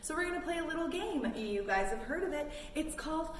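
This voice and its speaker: A Canadian woman with a high, expressive voice reads a picture book to children and leads them through yoga with simple, encouraging cues, speaking fast. The room recording has a roomy echo, a distant mic, and background noise.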